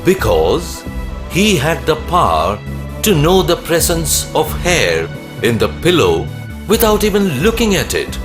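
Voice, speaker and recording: A man's voice: fairly high pitch, wildly swooping pitch, measured pace, music in the background. A man playing a wise, resolute heroic king in a children's cartoon, speaking in a solemn, declamatory way. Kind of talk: theatrical children's cartoon dialogue.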